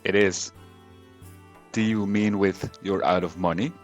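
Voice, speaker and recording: A man's voice: low-pitched, fairly even intonation, a little slow, faint music behind. A man playing in an online tabletop game, asking short, blunt questions over a home mic whose audio clips and distorts. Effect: clipping, distorted mic audio that cuts in and out. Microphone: home mic over an online voice call.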